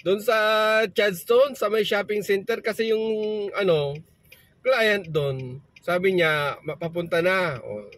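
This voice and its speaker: A man's voice: high-pitched, slow pace, no room sound. A man chatting casually inside a car, animatedly recounting a dispute at work and switching between languages. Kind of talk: casual chat.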